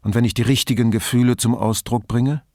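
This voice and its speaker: A man reading an audiobook plays a reflective middle-aged police commissioner who talks in a measured, thoughtful way. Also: mid-range voice, steady tone, darkish tone, no echo, clean studio sound, lightly acted.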